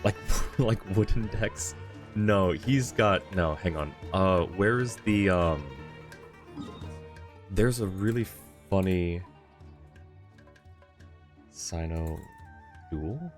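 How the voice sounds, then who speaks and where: Speaking extremely slowly and pausing often, a deep-voiced man commentates on his game livestream. He chats casually and rambles as he thinks aloud, with game music behind him.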